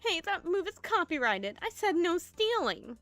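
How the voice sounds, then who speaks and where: A woman's voice: high-pitched, sing-song, moderate pace, a bit bright, no echo, soft background music, pitched above the performer's own voice. A woman voicing a theatrical, justice-obsessed girl idol in a game, speaking in a grandiose, declaiming way. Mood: bragging.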